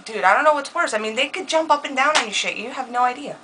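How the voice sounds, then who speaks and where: A young woman vlogging in a casual chat, animated and laughing often, and quick to curse. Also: high-pitched, noisy background. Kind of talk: casual chat, swearing freely.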